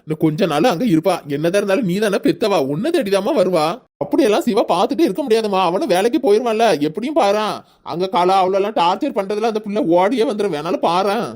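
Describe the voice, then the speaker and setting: A woman's voice: medium pitch, animated, fast talker, a little mellow, lightly acted. A woman voicing a caring, anxious older mother in a cartoon, with a Tirunelveli Tamil accent, soothing and chatty.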